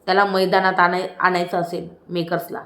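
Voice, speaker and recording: A woman giving a casual review of a reality show episode. She talks in a chatty way, retelling scenes with asides and quick self-corrections. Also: fairly low pitch, flat delivery, fairly bright tone. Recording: roomy echoey room.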